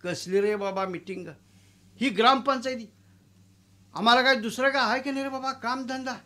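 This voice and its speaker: Storytelling: a man voicing a shrill, bossy village landlord, mocking tone. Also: normal speed, bright, forceful tone. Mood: scolding.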